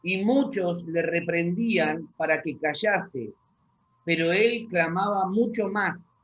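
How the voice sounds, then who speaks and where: A high-pitched man delivers a sermon, reading scripture in slow, deliberate phrases and stopping to question his listeners. The sound is dull and lo-fi, like a plain church recording. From Argentina. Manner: asks the congregation questions. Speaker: pastor. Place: church hall.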